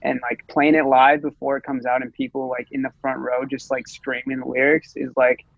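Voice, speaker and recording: A man's voice: medium pitch, flat delivery, a little fast, vocal fry, no echo, muffled recording. A man in his late twenties, a guest musician chatting casually on a podcast, rambling with lots of fillers and swearing freely. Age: 20s.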